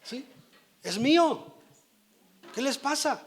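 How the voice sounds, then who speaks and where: A man's voice: very high-pitched, lively intonation, takes it slowly, voice pushed up, exaggerated voice. A man acting out an indignant male villager who protests that his donkey is being taken. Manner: protesting, demanding answers.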